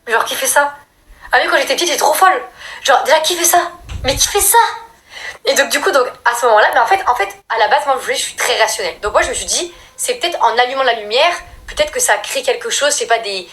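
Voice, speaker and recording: A young woman from France, a regular storyteller, tells a scary childhood story in casual slangy chat, bursting into loud high voices. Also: expressive, fast. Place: at home doing makeup.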